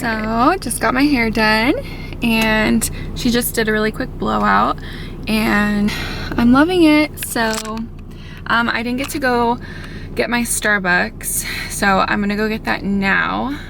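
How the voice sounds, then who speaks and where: Woman vlogger with creaky voice. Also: on the high side, noisy background. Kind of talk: casual vlog chat to viewers.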